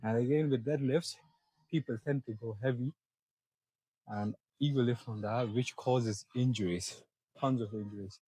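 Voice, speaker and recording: A young man walks viewers through a back workout in a gym, breathing hard between sets and explaining each move as he goes. His voice is husky and breathy, with a mid-range pitch. The sound is close and dry, with little room echo. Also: moderate pace, mellow. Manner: instructive, coaching viewers step by step. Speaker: fitness vlogger. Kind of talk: casual gym walkthrough.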